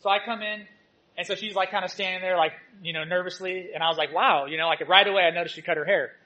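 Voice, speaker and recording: Bright, high-voiced man preaching. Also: quick pace, highs cut off. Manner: animated, swings between loud exhortation and soft asides. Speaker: church teacher. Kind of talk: sermon with personal stories.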